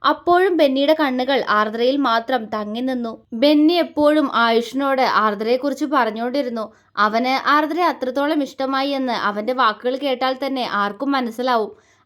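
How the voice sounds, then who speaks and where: A woman's voice: sits high, normal speed, fairly bright tone. A woman from Kerala with a Malayali accent, narrating a romantic family story with feeling and giving the characters' lines their own tone. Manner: reads dialogue with feeling, shifting tone for characters.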